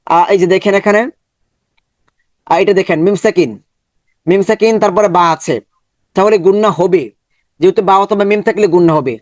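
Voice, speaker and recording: High-voiced patient male Quran teacher. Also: fairly quick, pauses often, no echo. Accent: Bangladeshi Bengali. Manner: patient, repetitive, drills syllables aloud. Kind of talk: step-by-step online lesson.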